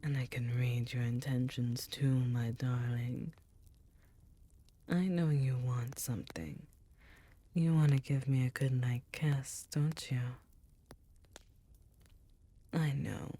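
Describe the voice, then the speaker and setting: Using a full character voice, a woman plays an ancient female succubus demon queen for an intimate ASMR roleplay, her mood tender and seductive. Her delivery is slow, teasing and remorseful, with a very deep, dark, mellow tone that often falls into breathy whispers.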